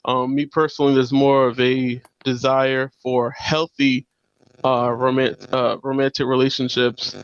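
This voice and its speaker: A man's voice: medium pitch, dry recording. Hesitant man on a dull lo-fi line. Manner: hesitant, lots of ums and restarts. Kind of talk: casual chat.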